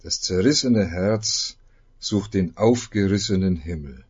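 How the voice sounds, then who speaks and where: Male pastor, sermon, slow deliberate delivery, husky lowish voice, dull lo-fi sound. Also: lively intonation, darkish tone. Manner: dramatic reading with long pauses.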